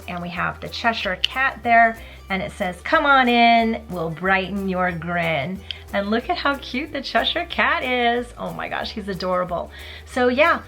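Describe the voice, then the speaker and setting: Woman, enthusiastic collector vlog host, bright forward voice, light music underneath. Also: medium pitch. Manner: gushing, enthusiastic, chatty. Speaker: pin collector vlogger. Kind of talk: casual show-and-tell vlog.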